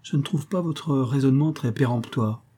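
A man's voice: medium pitch, moderate pace, dark tone, voice pushed up, lightly acted. A man voicing a doubtful, questioning companion. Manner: questioning, skeptical. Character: doubtful adult male companion, plain-spoken.

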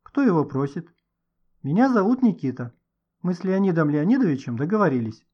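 A man's voice: on the high side, very animated, a little fast, husky, lo-fi sound. A man voicing a polite, earnest teenage boy on the phone.

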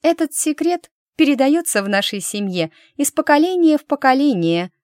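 A woman voicing a naive, whiny young noblewoman in a high, childish and emphatic voice. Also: very animated, normal speed, a little mellow, no room sound, studio quality. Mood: naive whining.

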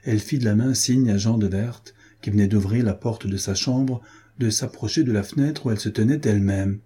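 A man reading a historical adventure novel aloud in a steady, measured narration. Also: on the low side, husky. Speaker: audiobook reader. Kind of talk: scripted narration.

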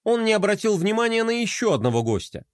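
A man reading a children's story aloud in an expressive storytelling manner. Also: sits high, fast talker, no room sound, studio quality. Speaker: narrator. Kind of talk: scripted narration of a children's story.

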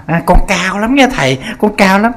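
A prissy, vain woman, as a male monk puts her on, with a Southern Vietnamese accent. The voice is pitched high and affected, whiny and boastful, fussing about her looks and height. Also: animated, normal speed, a bit bright. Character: vain, tall, fussy middle-aged woman, always complaining.

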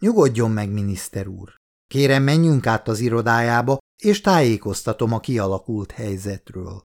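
A male audiobook reader voicing a composed general who speaks calmly and firmly. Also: mid-range voice, natural voice. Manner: calm, measured.

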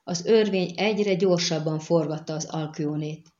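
A woman reading a fantasy novel aloud as an audiobook narrator, in a measured storytelling delivery. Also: on the low side, darkish tone, highs cut off.

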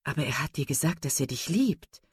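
A woman reading an audiobook and voicing a composed young woman who speaks earnestly and gently firm. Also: sits low, animated, brisk, slightly rough, dry recording, studio quality, heavily acted.

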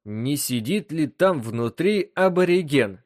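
A man voicing a gruff, impatient spaceship captain who gives orders loudly. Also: on the high side, animated, slow pace, no room sound, clean studio sound, pitched above the performer's own voice. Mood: commanding. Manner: commanding, impatient, shouting at times.

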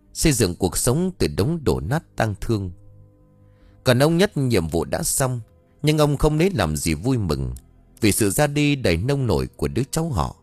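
Man narrating an expressive audiobook. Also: medium pitch, no echo. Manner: expressive, dramatic reading. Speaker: storyteller.

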